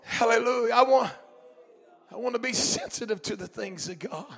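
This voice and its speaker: A man preaching a sermon in a church, fervent and shouting in bursts, punctuated with amens and hallelujahs. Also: very high-pitched, normal speed, vocal fry, breathy edge.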